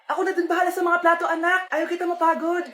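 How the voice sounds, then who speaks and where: A woman's voice: extremely high pitch, level tone, fast, a bit bright, a little hiss or hum. A woman playing a doting, overbearing mother who gushes over her child in a comedy skit. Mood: gushing, affectionate. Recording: roomy indoor echo.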